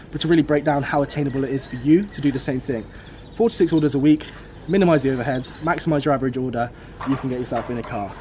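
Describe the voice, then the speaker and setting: Recorded outdoors beside a car, a British man in his twenties delivers an upbeat, casual motivational vlog and keeps repeating his key numbers. His voice is on the high side and a little mellow, with a touch of hiss or hum.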